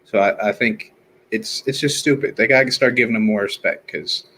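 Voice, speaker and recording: A man's voice: medium pitch, normal speed, sharp tone, slight background noise. A young man co-hosting a sports podcast, arguing his points heatedly in casual slang and laughing often. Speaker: podcast co-host.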